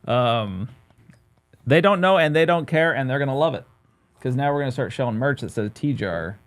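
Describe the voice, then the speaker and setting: A man's voice: medium pitch, animated, normal speed, dry recording. Rambling, jokey man in his forties. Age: 40s. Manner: rambling, jokey, restarts often. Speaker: podcast co-host. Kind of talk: casual podcast chat.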